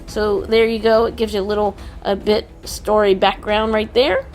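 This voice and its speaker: This woman's voice is medium-pitched and darkish, delivered flatly at a moderate pace, with faint music behind her. She co-hosts a casual toy unboxing show, pointing out details in a chatty, enthusiastic way. The recording carries faint background noise.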